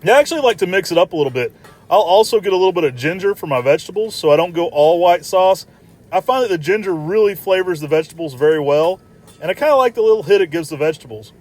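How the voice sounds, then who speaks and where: Quick-talking man, casual food vlog voice-over. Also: sits high, expressive, a little mellow. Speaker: restaurant review vlogger.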